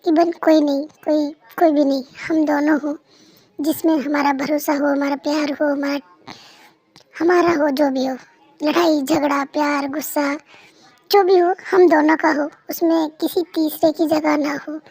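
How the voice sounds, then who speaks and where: A woman's voice: sits high, steady tone, unhurried, a little mellow, low-quality recording. A woman with a cold voicing an earnest, apologetic young husband in an amateur fan dub, repeating herself insistently. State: has a cold.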